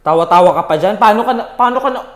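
A man's voice: high voice, racing. Jumpy young man gaming, echoey room. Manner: jittery, scolds the game baby, laughs and yelps in fright. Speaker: gaming streamer. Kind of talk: nervous let's-play commentary. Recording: echoey room with noise behind.

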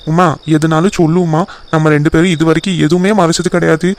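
A man voicing a caring young husband in a cartoon who gently reassures his wife. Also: fairly high pitch, flat delivery, fast, natural voice. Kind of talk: cartoon voice acting.

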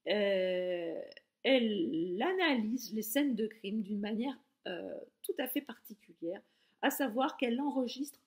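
A woman's voice: medium pitch, animated, slow pace. A woman from France giving a casual, enthusiastic book review straight to her viewers.

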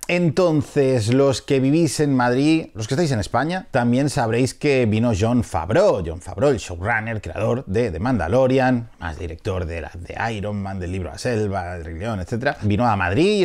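A man's voice: mid-range voice, a little mellow. A middle-aged man from Spain with a Peninsular Spanish accent, giving a casual, jokey video review as a film critic with rambling asides.

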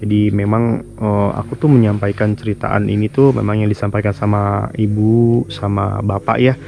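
A man's voice: lowish voice, little pitch movement, moderate pace, gravelly, warm tone, slight background noise. A man hosting a casual vlog, chatting loosely with viewers and interviewing locals outdoors. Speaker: vlogger, host.

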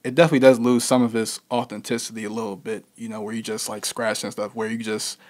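A man's voice: lowish voice, little pitch movement, quick pace. Laid-back young man, lots of fillers. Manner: laid-back, heavy with fillers like "you know". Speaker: interview guest, musician. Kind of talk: casual interview conversation.

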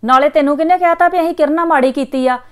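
An actress playing a middle-aged mother, defensive and quick to scold. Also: high-pitched, natural voice.

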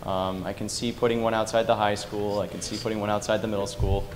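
A man's voice: lowish voice, level tone, quick pace, a little hiss or hum. A man at a public meeting asking pointed, persistent questions about district spending. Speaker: community member asking questions.

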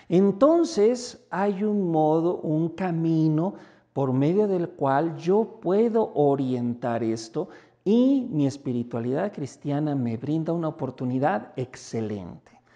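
Warm-voiced Mexican priest giving a talk. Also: male voice. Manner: conversational, acts out little everyday dialogues with lively pitch jumps. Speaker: priest and basilica rector. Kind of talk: spoken reflection message.

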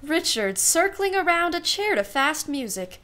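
A woman's voice: sits high, big pitch swings, unhurried, sharp tone, heavily acted. Woman as wry, genteel Aunt Eleanor. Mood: guarded, ironic. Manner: arch, formal, dryly ironic. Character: wry, genteel society aunt, privately exasperated. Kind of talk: radio play acting.

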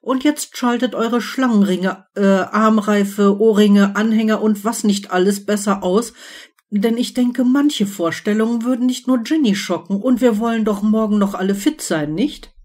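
A woman's voice: mid-range voice, a little mellow, close to an everyday voice. A woman voicing a cocky teenage wizard who gives his friends teasing orders. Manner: brisk, teasing, commanding.

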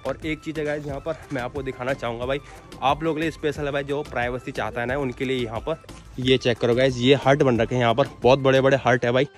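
Talking fast into a selfie camera he holds in his hand, this vlogger in his thirties gives a casual travel tour outdoors, on a scooter and then walking through a cafe garden. He keeps saying "guys" and "bhai" in a chatty, mid-range voice with fairly even intonation, and faint music plays behind him.

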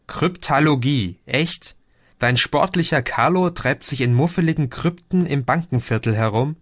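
A man's voice: mid-range voice, normal speed, close to an everyday voice. A man reading an audiobook, voicing a grumpy young man who grumbles and mocks. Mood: grumbling. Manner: grumbling, mocking.

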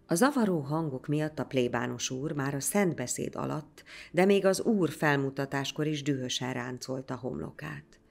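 Low gravelly woman telling a legend. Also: animated. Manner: measured, storytelling. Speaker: storyteller. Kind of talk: scripted legend narration.

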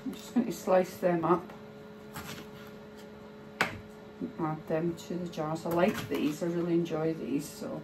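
A middle-aged woman, chatting slowly and thinking aloud as she preps food in her home kitchen. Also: fairly low pitch, little pitch movement. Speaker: cooking vlogger. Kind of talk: casual cooking chat. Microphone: phone camera held nearby. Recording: noisy home kitchen ambience.

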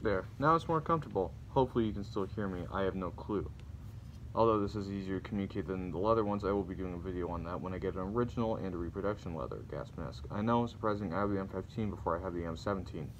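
A man's voice: low-pitched, fast, lo-fi sound, slight background noise. A young man talking through a gas mask, rambling casually and correcting himself. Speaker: collector showing gear. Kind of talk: unscripted show-and-tell.

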